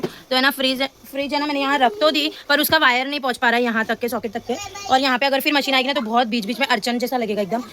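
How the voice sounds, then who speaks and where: In a noisy home recording, a mother vlogger talks casually to her phone camera in her kitchen, ribbing her son while going through her chores. Her voice is fairly high and a bit bright.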